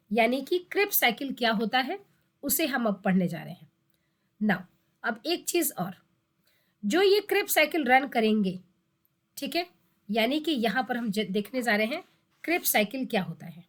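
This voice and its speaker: A woman explaining biology for an exam, repeating key terms and asking herself questions. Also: high-pitched. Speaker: biology teacher. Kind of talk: exam-prep lecture.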